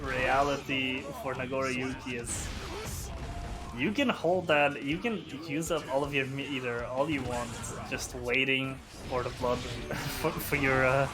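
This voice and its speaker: A man's voice: mid-range voice, steady tone, a little slow. A man commentating a fighting game tournament, talking through what each player can do. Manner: analytical, talks through the players' options. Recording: game music behind commentary. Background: game music.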